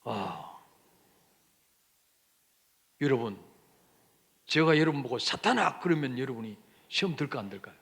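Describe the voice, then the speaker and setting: A man's voice: mid-range voice, expressive, unhurried, pauses often, breathy edge. A man preaching a sermon as pastor, asking the congregation questions and acting out quoted lines.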